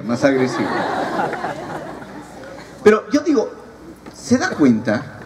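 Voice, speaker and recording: A man giving a humorous preaching talk at a youth retreat and teasing his audience. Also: medium pitch. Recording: distant mic, audible crowd, noisy.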